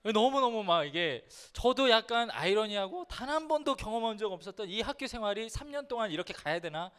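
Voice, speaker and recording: A youth pastor with a high voice that swings widely up and down as he tells a funny story from his school days. He talks straight to the young people in front of him, keeping the sermon light and playful. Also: fairly quick, clean tone. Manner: lively, humorous, addresses listeners directly.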